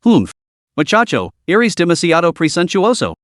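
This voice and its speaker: A man's voice: fairly high pitch, wildly swooping pitch, measured pace, fairly bright tone, no room sound, clean studio sound, exaggerated voice. A man reading the lines of a proud, hot-tempered young girl cultivator, indignant and stubborn.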